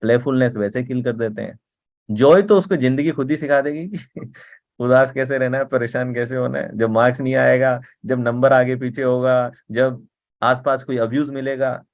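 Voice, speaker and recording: A man's voice: mid-range voice, steady tone, moderate pace. Man giving a chatty motivational talk. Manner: conversational, often asks "ठीक है?" and "right?"; repeats words for rhythm and emphasis.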